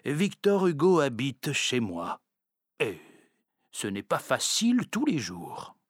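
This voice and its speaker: A man's voice: mid-range voice, huge pitch swings, no room sound, clean studio sound, full character voice. A man playing a wry old house cat. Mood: proud. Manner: slow, wry storytelling with chuckles. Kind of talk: scripted storybook narration.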